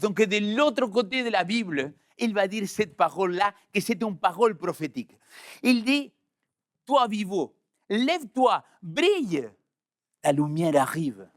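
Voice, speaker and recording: A man, a pastor, preaching a sermon to his congregation, animated and direct, with sudden jumps in pitch for emphasis. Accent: French-speaking Swiss.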